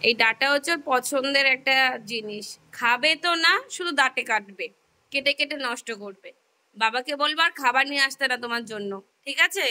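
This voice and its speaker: A woman's voice: high voice, a little fast, pushed and bright. A young woman coaxing her pet in casual, sing-song baby talk, cajoling and repeating herself.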